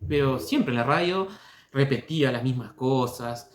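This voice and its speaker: A man hosting a commentary video, speaking calmly with frequent hesitations while telling his own story. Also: mid-range voice, moderate pace. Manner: hesitant, many fillers and restarts, calm. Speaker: host commenting on testimonies. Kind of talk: critical commentary and personal story. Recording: echoey room.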